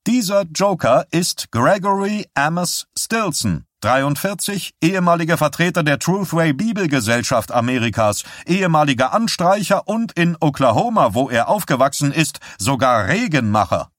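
A man's voice: a little high, animated, moderate pace, few pauses, a bit bright, no room sound, studio quality, pitched above the performer's own voice. A man voicing a wry male reporter who briefs matter-of-factly in a raised voice.

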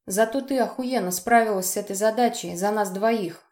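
Woman reader doing a hoarse, menacing jealous young man who snarls through clenched teeth; roomy recording. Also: mid-range voice, moderate pace, darkish tone, natural voice. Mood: furious. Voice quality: hoarse, growling. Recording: roomy echo.

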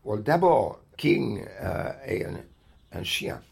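A writer speaking French with an English accent in an archive radio interview, pausing to search for words. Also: male voice, on the low side, big pitch swings, vocal fry, a little mellow.

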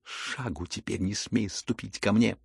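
A man voicing a hot-tempered, imperious older noblewoman in an audiobook, with sharp scolding outbursts and a gravelly, husky voice. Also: on the low side, fairly even intonation, a little slow, no room sound, clean studio sound, exaggerated voice. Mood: furious. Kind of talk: audiobook character reading.

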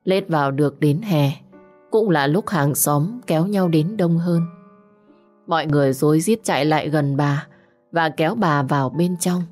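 A woman narrating a village tale in a slow, measured, dramatic storytelling manner. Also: low voice, a little mellow. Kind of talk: scripted audio story narration. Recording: faint background music.

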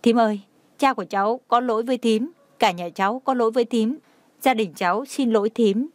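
A woman's voice: on the high side, brisk, dry recording, lightly acted. A woman voicing a tearful young woman who sobs and pleads for forgiveness. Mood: sobbing. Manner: sobbing, pleading.

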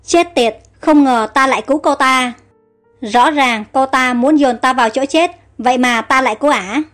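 A woman reading aloud as a proud, quick-tempered young emperor who gives curt commands. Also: sits high, fairly bright tone, faint music behind. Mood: irritated.

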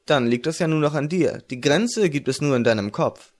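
A confident young sword mage speaks in an easy, reassuring voice, a touch high, as a male reader puts him on. He sounds friendly and joking in a fantasy audiobook. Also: lively intonation, moderate pace, darkish tone, natural voice.

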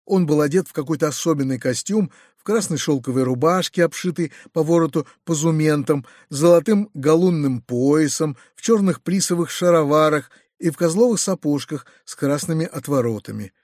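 A man narrates a classic novel at a measured, storytelling pace. His voice sits a little high, and the sound is dry and close with no room around it. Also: darkish tone, no room sound. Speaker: audiobook narrator. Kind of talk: scripted literary narration.

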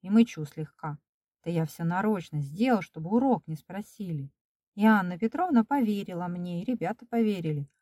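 A woman reading humorous children's school stories aloud in an expressive storytelling manner. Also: fairly low pitch, dry recording, clean studio sound, distant mic.

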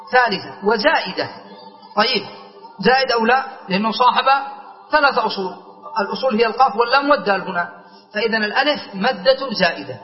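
High-voiced man teaching in an echoey hall. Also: muffled recording. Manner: explains step by step, drawing out example words, checks listeners often. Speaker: sheikh teaching Arabic grammar. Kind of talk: classroom lesson.

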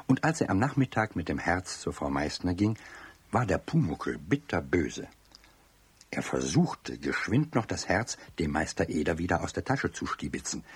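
Telling a children's radio play in a deep, husky voice, the male storyteller is expressive and talks straight to his young audience. The recording is dry.

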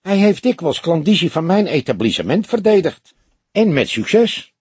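Picture a slight, nervous café owner with a raised, husky, breathy voice, played by a male audiobook reader, leaning in to share underworld rumours in a knowing, confiding tone. His voice swoops up and down. The recording is dry and close. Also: on the high side, big pitch swings, moderate pace, a little mellow, no room sound, pitched above the performer's own voice.

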